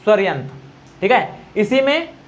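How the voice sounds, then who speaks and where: A male teacher giving an exam-prep grammar lesson, quizzing students, repeating answers and slowly demonstrating sounds. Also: high voice, sing-song. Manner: quizzing, repeats answers, asks "okay?" often. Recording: dull lo-fi recording.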